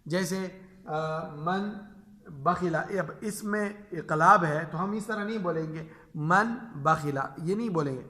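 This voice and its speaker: A man gives a lesson on Quran reading rules in a patient, repetitive teaching manner. His voice is bright and forward, pitched a little high for a man. He slows right down and drawls the examples letter by letter. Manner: patient, repeats each rule and drawls examples slowly. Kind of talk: explaining tajweed rules to teachers.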